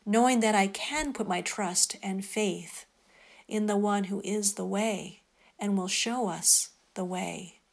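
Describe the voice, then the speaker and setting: Slow-paced woman preacher with creaky voice. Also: medium pitch. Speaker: preacher leading guided prayer. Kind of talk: sermon and guided breath prayer.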